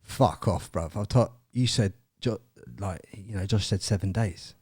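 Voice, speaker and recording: A man's voice: lowish voice, steady tone, moderate pace, darkish tone, husky, no echo, clean studio sound. Laughing, sweary young man. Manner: swearing, laughing often, quoting himself. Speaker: podcast guest. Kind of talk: casual storytelling.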